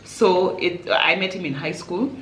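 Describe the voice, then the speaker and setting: A woman's voice: on the low side, a little slow. A woman, chatting over a meal in an emphatic, laughing way. The room gives her voice a roomy echo, with a light hiss of noise under it. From Kenya. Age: 30s. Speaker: vlogger host. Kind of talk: casual chat over food. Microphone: camera mic.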